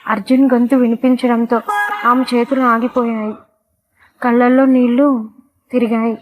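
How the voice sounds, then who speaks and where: A woman narrating an emotional story in a measured storytelling manner. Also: fairly high pitch, level tone, highs cut off.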